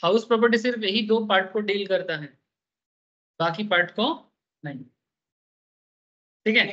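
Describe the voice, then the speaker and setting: A man's voice: high-pitched, normal speed, fairly bright tone. A man teaching a tax class, playfully quizzing his students with repeated questions as he draws on a board. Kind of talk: classroom lecture with drawing. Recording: dull lo-fi recording.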